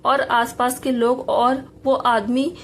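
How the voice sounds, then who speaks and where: A woman narrating a romantic audio story in a brisk, lively way. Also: a little high, a little hiss or hum.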